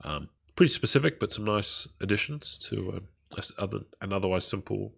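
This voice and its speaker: Man, podcast host, deep voice, gravelly, stuffy nose from a cold, hesitant delivery. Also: a little fast, a bit bright. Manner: hesitant, many ums and uhs. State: nasal, blocked nose from a cold. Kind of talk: solo podcast commentary.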